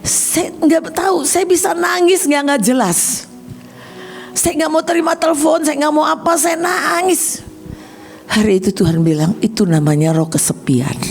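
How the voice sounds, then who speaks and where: A middle-aged woman shares her own story as a sermon, with a voice that sits a little high. She talks earnestly and conversationally, and her words carry emotion. Soft music plays faintly behind her. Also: animated, measured pace, gravelly. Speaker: coach and speaker. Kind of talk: personal testimony sermon.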